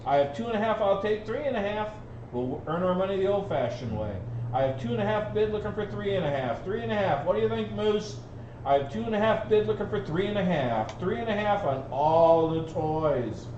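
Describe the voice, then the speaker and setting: A man calls a live auction in a fairly high voice, repeating bids and bantering in a folksy way. He sounds set back from the microphone in an echoey room, and the sound is a little dull. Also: lively intonation, brisk. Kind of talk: live auction calling, repeated bid chant. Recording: roomy, distant, dull sound with faint noise.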